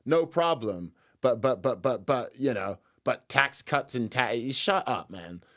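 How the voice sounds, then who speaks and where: A man's voice: mid-range voice, lively intonation, a little slow, a bit bright. A man hosting a casual reaction commentary, rambling, sarcastic and profane. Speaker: commentary host.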